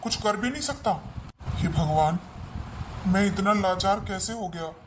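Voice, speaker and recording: A man playing a gentle old father who is helpless and resigned, speaking softly in a family drama. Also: high voice, a little slow, noisy background. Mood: despairing. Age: older. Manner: soft, resigned.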